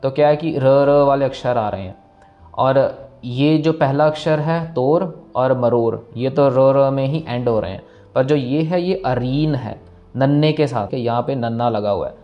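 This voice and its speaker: A man teaching scripture pronunciation, reciting lines slowly and breaking words down syllable by syllable. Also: mid-range voice, lo-fi sound. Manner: slow, careful, repeats lines syllable by syllable. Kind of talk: step-by-step recitation lesson. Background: faint instrumental music.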